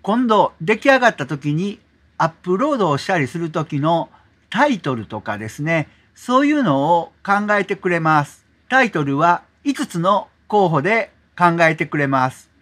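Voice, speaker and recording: A man hosting a software tutorial, explaining step by step in a polite manner, often adding 'desu ne' as filler. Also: on the high side, sing-song, moderate pace. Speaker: tutorial host. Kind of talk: screen-recorded software tutorial.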